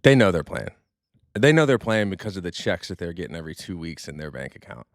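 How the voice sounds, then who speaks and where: A man's voice: deep voice, sing-song, fast talker, creaky, no room sound, clean studio sound. A man hosting a podcast, a former pro athlete talking in a loose, candid way, swearing now and then and repeating words as he restarts. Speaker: podcast host, former pro baseball player. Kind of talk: casual podcast chat.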